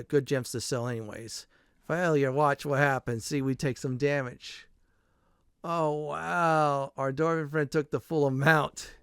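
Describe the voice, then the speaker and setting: Man, gameplay commentary, rambling, smooth clear voice, dry close sound. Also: mid-range voice, no echo. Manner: rambling, many "uh" fillers and "if I remember correctly". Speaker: gaming channel host.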